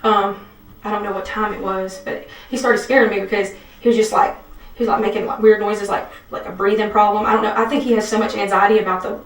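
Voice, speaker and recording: A woman's voice: medium pitch, little pitch movement, quick pace, recorded from a distance. A woman being questioned by detectives, rambling anxiously with many restarts. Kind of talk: police interview statement. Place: police interview room. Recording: echoey room, speaker off-mic.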